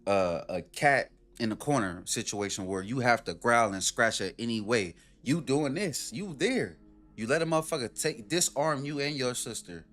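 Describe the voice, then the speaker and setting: A man streaming, reacting to a video with animated, profane, rhetorical ranting in casual commentary. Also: medium pitch, normal speed.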